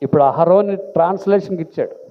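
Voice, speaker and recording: A male pastor in full sermon flow, his voice sitting high. He keeps asking the listeners questions and then answers them himself. The audio is narrow and tinny, like a phone line. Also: quick pace.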